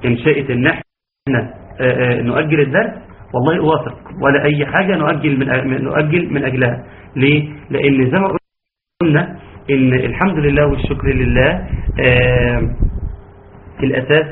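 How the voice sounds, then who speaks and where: A man with an Egyptian Arabic accent who teaches Quran recitation in an online class. He stretches out his fillers and slowly demonstrates each sound. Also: medium pitch, slight background noise. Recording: tinny phone-like line, faint ambience.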